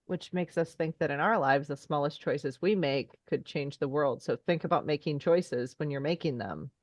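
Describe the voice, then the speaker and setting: Lady guest on a podcast, low voice, rambles on excitedly, dry close sound. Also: moderate pace, no room sound. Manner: rambling, enthusiastic, talks in long trailing asides. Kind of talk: casual chat.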